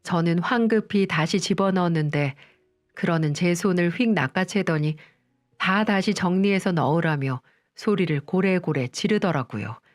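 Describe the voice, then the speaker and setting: A woman's voice: lowish voice, normal speed, no echo, studio quality, faint music behind. A woman narrating her own family story in the first person, plaintive, in a storytelling radio style.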